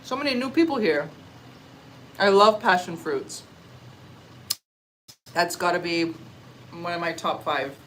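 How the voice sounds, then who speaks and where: A young woman from Canada chatting casually on a livestream while eating, answering comments in a relaxed, chatty way with little murmurs of enjoyment. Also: lowish voice, a little slow, long pauses, a little hiss or hum, low-quality recording. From Canada (Ontario). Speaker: livestream vlogger. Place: outdoors or open space in a warm country.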